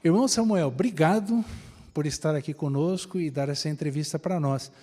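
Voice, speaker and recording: Animated Brazilian man preaching in a hall. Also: on the high side, brisk. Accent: Brazilian Portuguese. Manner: animated storytelling with rhetorical questions. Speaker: assembly speaker. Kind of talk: sermon-style talk with interview. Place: large assembly hall. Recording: reverberant assembly hall.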